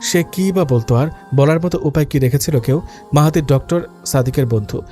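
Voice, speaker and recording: A man narrating a scripted audio story in an even, measured storytelling manner. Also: fairly high pitch. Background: faint background music.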